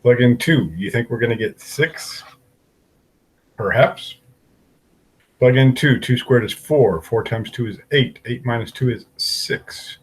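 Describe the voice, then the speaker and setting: A man's voice: mid-range voice, breathy edge, rough recording. A man teaching an algebra lesson, working through graphs step by step and asking the class questions aloud. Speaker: math teacher.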